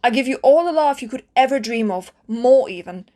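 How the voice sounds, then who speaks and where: Girl doing a clingy yandere stray catgirl asmr roleplay, high kittenish voice, meek n pleading, super lovesick. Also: animated, fairly quick, mellow, close to an everyday voice. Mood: lovestruck, devoted. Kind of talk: scripted ASMR role-play addressed to the listener.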